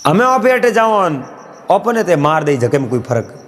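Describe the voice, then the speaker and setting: A man's voice: on the high side, normal speed. A man with a Marwari accent narrating a folk tale, voicing the characters' dialogue as he goes. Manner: lively storytelling with dialogue voices. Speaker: storyteller.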